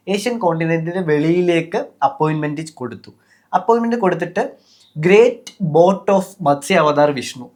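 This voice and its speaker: A man with a Malayali accent hosting a podcast, explaining things casually with many fillers and English words mixed in. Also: on the high side. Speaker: podcast host.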